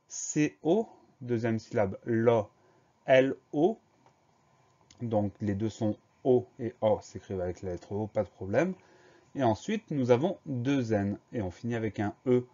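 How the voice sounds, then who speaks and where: A male teacher giving a spelling lesson for primary pupils, spelling words out slowly letter by letter. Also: mid-range voice, dark tone. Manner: slow, careful letter-by-letter spelling. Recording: slightly dull lo-fi recording.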